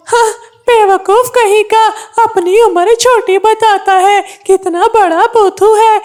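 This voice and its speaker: Cartoon: gossipy, scornful male parrot, high and drawn-out, woman voicing. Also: a little mellow. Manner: teasing, scolding. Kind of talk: cartoon voice acting.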